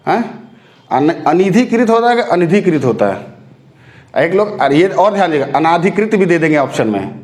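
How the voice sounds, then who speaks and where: A male teacher with a fairly high voice leads an exam-prep spelling lesson in an echoey room. He is patient and repetitive, and he keeps checking that his students are following along. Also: a little mellow. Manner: explains patiently, repeats words and asks the class questions.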